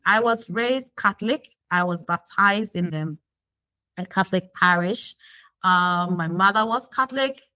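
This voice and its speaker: A woman's voice: fairly low pitch, bright, forceful tone, no echo, rough recording. A woman from Ghana being interviewed, talking reflectively with frequent fillers and restarts. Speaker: guest. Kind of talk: conversational interview.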